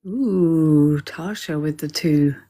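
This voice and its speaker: A woman's voice: deep voice, slow pace, warm tone. A woman co-hosting a casual live stream from home, chatty and friendly with viewers, greeting them by name.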